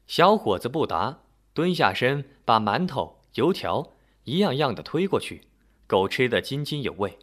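Male storyteller, scripted narration, expressive, wide lively pitch, mid voice. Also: a little slow. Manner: expressive, animated telling.

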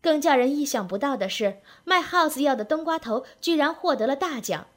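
Higher-voiced woman telling a comic tale. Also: brisk. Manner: lively, wry narration with rhythmic phrasing. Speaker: storyteller. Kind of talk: spoken comic storytelling.

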